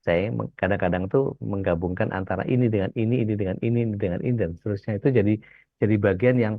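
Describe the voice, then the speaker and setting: A man's voice: lowish voice, fast, no room sound. A male Islamic preacher giving a casual religious talk, telling stories and acting out the voices of the people in them. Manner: storytelling, acts out quoted characters. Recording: dull, dry lo-fi sound.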